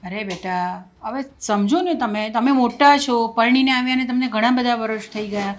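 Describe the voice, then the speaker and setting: A woman's voice: on the high side, normal speed, lightly acted. Woman playing a soothing indulgent mother-in-law. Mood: placating. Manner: calming, placating. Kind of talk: Gujarati family stage drama.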